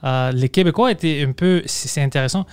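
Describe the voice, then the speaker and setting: A man's voice: fairly high pitch, fairly quick, smooth, no echo. A man hosting a podcast in casual chat, speaking French as a second language after English. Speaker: podcast host.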